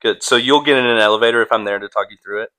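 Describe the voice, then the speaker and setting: Bright-toned teasing man host. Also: on the low side, rapid-fire. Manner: teasing, questioning, laughs easily. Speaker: podcast co-host. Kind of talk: casual comedic chat.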